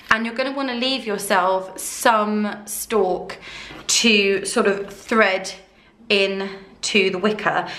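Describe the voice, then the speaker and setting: Croaky woman chatting through a craft tutorial. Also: medium pitch, fairly bright tone, slight background noise. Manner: rambling, conversational, many fillers. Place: room at home under ceiling spotlights. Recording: echoey room.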